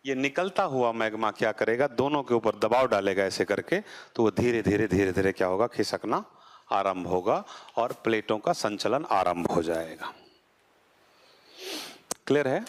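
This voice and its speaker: A male teacher giving a classroom geography lecture. He keeps asking the class rhetorical questions and then answers them, and his pitch drops as he closes off each point. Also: normal speed.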